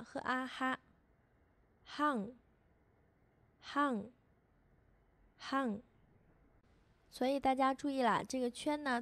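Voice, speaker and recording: A woman teaching a beginner language lesson as a voice-over, patiently repeating each sound slowly for learners. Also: fairly high pitch, no room sound.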